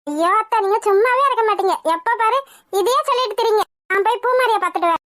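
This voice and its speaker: A woman's voice: extremely high pitch, fast talker, a bit bright, no echo, studio quality. Woman voicing a stern young cousin. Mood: gentle. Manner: coaxing, then demanding and scolding. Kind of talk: cartoon voice acting.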